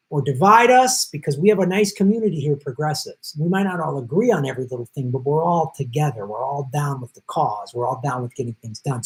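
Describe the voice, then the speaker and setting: A middle-aged livestream host, jet-lagged and losing his voice, chats casually while reading viewer comments, thanking people by name and slipping in quick asides. His voice is a little high, and the recording is low quality.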